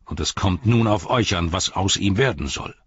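Man doing a sneering dark herald, mocking, gloating, deep husky voice, dry muffled audiobook sound. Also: normal speed, dry recording. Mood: menacing. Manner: taunting, scornful, gloating.

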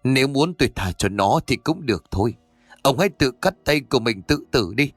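A man voicing a bitter, vengeful young woman who speaks in an accusing, sharp, pleading way. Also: medium pitch, lively intonation, fairly quick, husky, no echo, faint music behind.

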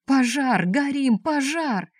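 A woman voicing a furious, blustering male officer who shouts in a frantic panic. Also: mid-range voice, expressive, measured pace, breathy edge, no echo, clean studio sound. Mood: panicked.

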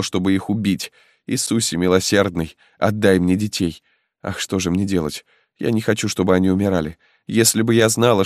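A man's voice: on the low side, darkish tone, no echo, studio quality, natural voice. A man voicing a desperate young peasant mother who wails and pleads for help. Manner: pleading, wailing cries for help.

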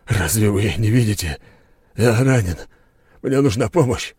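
A frightened hired swordsman, played by a male reader begs and cries out, his voice pushed high above the reader's deep tone. The delivery is strained and lively. It sounds like an audiobook character. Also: measured pace, breathy edge, dry recording, exaggerated voice. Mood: wounded pleading. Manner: panicky, pleading. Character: desperate hired duelist, man, frightened.

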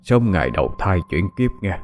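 A man's voice: sits low, sing-song, normal speed, a little mellow, a little hiss or hum. A man voicing a kind village husband, Southern Vietnamese accent, humble, earnest, hesitant.

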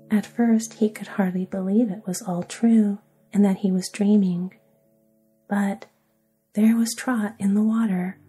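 A woman narrating a sleep story in a soft, hushed, soothing whisper. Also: medium pitch.

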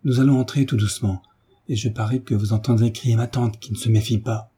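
A desperate little girl pleads and rails in a lifted, urgent voice, as a man puts her on. The tone stays dark and very husky, like an audiobook reading. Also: fairly even intonation, fairly quick. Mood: hushed. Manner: pleading, raised pitch.

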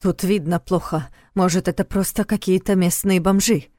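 A woman's voice: fairly low pitch, steady tone, moderate pace, mellow, dry recording, clean studio sound, lightly acted. A woman voicing a curt, tense armed man in an audiobook.

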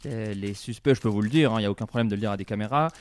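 A man doing a halting pompous judge. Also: on the low side, voice pushed down, natural voice. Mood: flustered. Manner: slow, halting, full of hesitations. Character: hesitant pompous male judge at a press conference.

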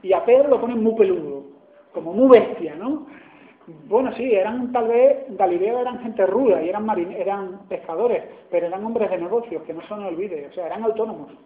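A man's voice: high-pitched, a little fast. Male Andalusian preacher, conversational sermon, roomy echo and thin phone-like audio. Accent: Andalusian Spanish. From Spain. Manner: conversational, asks "¿no?" often. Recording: echoey hall over a tinny line.

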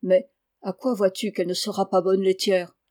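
Woman reading as a gruff farmer father. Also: mid-range voice, little pitch movement, moderate pace, dark tone, lightly acted.

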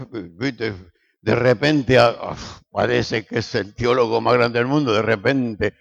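Gravelly older man preaching with Rioplatense accent. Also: mid-range voice, dull audio. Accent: Rioplatense Spanish. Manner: animated, jokey preaching with rhetorical questions. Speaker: pastor. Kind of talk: sermon.

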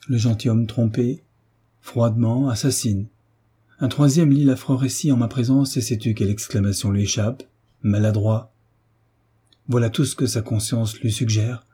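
A man's voice: medium pitch, mellow, breathy edge. A man reading as a grieving young wife. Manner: anguished letter read aloud. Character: young woman, grieving and remorseful.

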